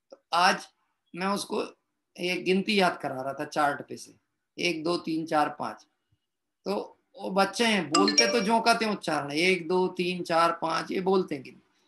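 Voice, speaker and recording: Guy preaching scripture with a high voice, keeps asking the listeners stuff and answering it himself. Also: pushed and bright. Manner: asks the listeners questions and answers them himself; reads from a text and then explains it. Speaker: Jain religious teacher. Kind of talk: scripture discourse. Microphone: online streamed talk.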